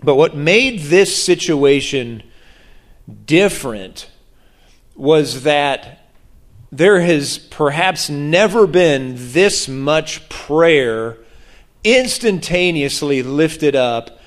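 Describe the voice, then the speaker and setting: A man preaching about prayer, telling a story with animated acted-out voices. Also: a little high, drawn-out words. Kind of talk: sermon on prayer.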